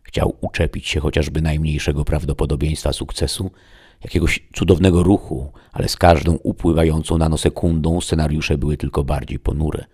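A man narrating a sci-fi fantasy audiobook in a steady, dramatic storytelling manner. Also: very deep voice, fairly quick, breathy edge.

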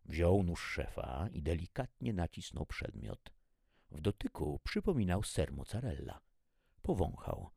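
A man narrating a story in an expressive, animated reading style. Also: sits low, measured pace, gravelly, breathy edge, no echo, studio quality.

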